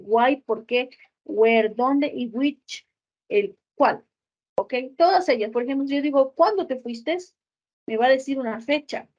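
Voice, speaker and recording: A woman teaching an English grammar lesson, explaining step by step and often checking with a quick "ok?". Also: a little high, darkish tone, dull audio. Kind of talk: recorded school lesson.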